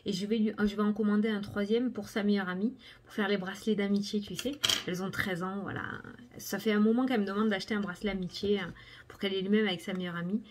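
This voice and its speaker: Talking fast in a medium-pitched, darkish voice with fairly even intonation, a middle-aged cartomancy video host reviews products casually, full of fillers as she holds items up to the camera. A little hiss or hum is audible.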